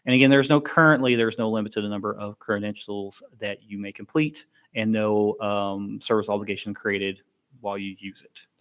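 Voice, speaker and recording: A man's voice: on the low side, fairly even intonation, moderate pace, fairly bright tone. Man giving a benefits briefing. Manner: explains plainly with frequent ums and restarts. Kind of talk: informal briefing presentation.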